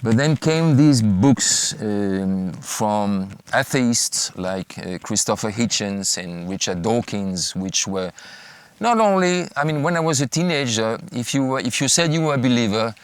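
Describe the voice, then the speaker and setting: A pastor and former math teacher from France with a French accent, answering interview questions in a thoughtful, halting way with many restarts. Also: male voice, medium pitch, lively intonation, clear, resonant tone, dry recording.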